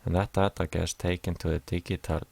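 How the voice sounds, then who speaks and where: A man's voice: sits low, little pitch movement, a little fast, vocal fry, a little mellow, no room sound. A young man from Iceland, hesitantly explaining a class assignment over slides, with many fillers. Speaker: music production student.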